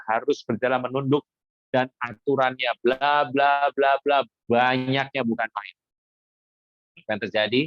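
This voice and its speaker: A man's voice: medium pitch, no room sound. Pastor guy preaching, chatty, asks the crowd stuff, kinda dull dry audio. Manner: conversational, asks the congregation questions, frequent exclamations. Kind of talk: sermon.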